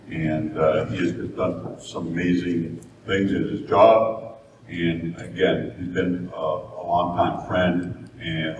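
A man introducing the keynote speaker at an association meeting, halting and searching for words. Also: low voice. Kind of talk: spontaneous introduction speech. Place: conference hall. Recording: echoey hall, mic far off, noisy.

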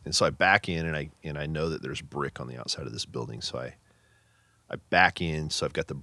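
A man's voice: a bass voice, sharp tone, no room sound. A man in his fifties from the Pacific Northwest, a police patrol supervisor telling a story in a casual interview, in a blunt, profane, wry way. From Pacific Northwest, USA.

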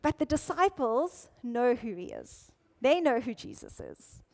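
A woman pastor giving an animated, conversational sermon. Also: fairly high pitch, measured pace, vocal fry. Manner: animated, conversational Bible teaching. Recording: long hall reverb.

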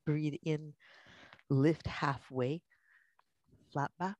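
Slow-paced yoga instructor coaching each breath. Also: mid-range voice, fairly even intonation, darkish tone, dry recording. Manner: slow breathing-coach delivery in short spaced phrases. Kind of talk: guided yoga class, cueing movements breath by breath.

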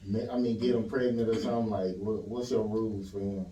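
A man's voice: fairly low pitch, steady tone, brisk, dark tone, a little hiss or hum. A man hosting a casual podcast, asking blunt questions in heavy slang. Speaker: host. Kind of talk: casual interview chat. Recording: echoey room, mic at a distance.

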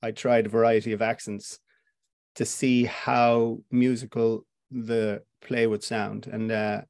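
A man's voice: on the low side, level tone, slow pace, vocal fry, darkish tone, no room sound. Irish man, playwright guest, reflective, thinking aloud, dry close sound. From Ireland. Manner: reflective, with frequent fillers and restarts. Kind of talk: conversational interview.

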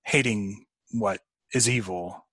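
A man co-hosts a book podcast with a somewhat low voice. He speaks haltingly, filling gaps with ums and restarting phrases, then shifts to reading a scripted outro. The sound is close and dry. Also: a bit bright, husky, no echo. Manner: halting, many fillers and restarts. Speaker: podcast co-host.

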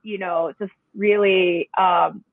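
Speaking slowly in a level, creaky mid-range voice, this painter from Hong Kong joins a conversational podcast interview as a guest. Cantonese is her first language and she is in her twenties. The phone-line audio is tinny and dry with no echo, and her manner is reflective and meandering, full of hedges.

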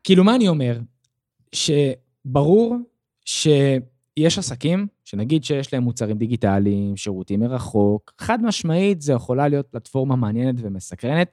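Brief: skeptical podcast co-host man, mid-pitched, dry studio sound. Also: lively intonation, darkish tone, no room sound. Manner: questioning, playful devil's advocate. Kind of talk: casual chat.

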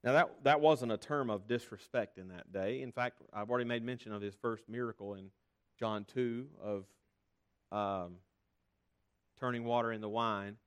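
A man's voice: medium pitch, normal speed, clear, resonant tone. A man with a mid-range voice delivers a sermon as a pastor. He speaks earnestly and conversationally, as if talking directly to his congregation, and often stumbles and restarts mid-phrase.

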